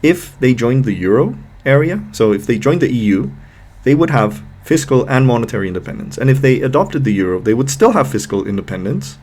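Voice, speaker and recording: A man commenting on a video clip, exasperated and sarcastic, swearing and slowing down to hammer his points. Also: medium pitch, sing-song, darkish tone. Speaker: political commentator.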